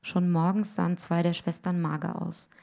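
A woman reading a literary story aloud in a rhythmic way, often dropping to hushed tones. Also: fairly low pitch, level tone, moderate pace, gravelly. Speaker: reader.

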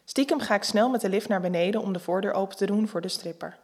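A woman narrating a scripted erotic story in a calm, even-paced reading. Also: mid-range voice, fast, breathy edge.

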